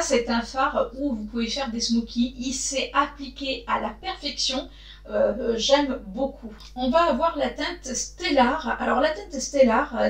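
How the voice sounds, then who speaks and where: A woman chatting casually to her viewers as she reviews makeup, often pausing to hesitate and talking straight to the camera. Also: high-pitched, reverberant. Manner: chatty, frequent hesitations, addresses viewers directly. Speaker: beauty vlogger.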